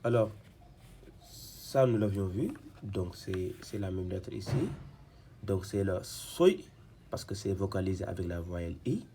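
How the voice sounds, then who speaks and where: A man's voice: low-pitched, lively intonation, warm tone, a little hiss or hum. A man teaching Quran reading, going patiently syllable by syllable, repeating sounds and often restarting his sentences. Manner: patient, repetitive, spells out syllables slowly; frequent hesitations and restarts. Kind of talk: step-by-step reading lesson.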